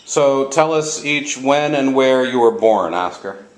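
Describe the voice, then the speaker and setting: A man's voice: medium pitch, expressive, a little slow. A man interviewing two older men, stumbling over his questions and repeating their answers back. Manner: hesitant, restarts questions, echoes answers back. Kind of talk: informal interview.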